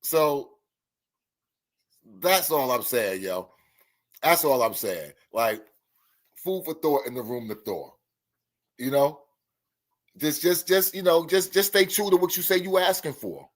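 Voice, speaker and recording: A man's voice: a little high, lively intonation, a little slow, long pauses. A man hosting a live chat stream, talking emphatically and often repeating himself. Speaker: host.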